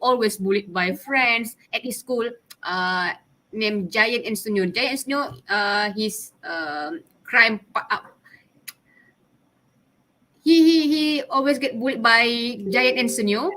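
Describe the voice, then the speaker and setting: Malaysian-accented woman in her twenties, bright voice, unhurried, giggly class presenter. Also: a little high. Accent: Malaysian English. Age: 20s. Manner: chatty, giggly, mixes in Malay words. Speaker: student presenter.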